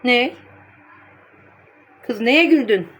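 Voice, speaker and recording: A woman's voice: on the high side, expressive, extremely slow, breathy edge. A woman vlogging casually to her phone camera, chatty, blunt and teasing, with a way of talking.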